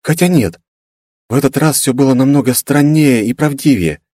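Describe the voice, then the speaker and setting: A man voicing a gentle young woman. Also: mid-range voice, normal speed, no echo, clean studio sound, pitched above the performer's own voice, lightly acted. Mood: thoughtful. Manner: soft, hesitant, earnest. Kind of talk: audiobook character voice.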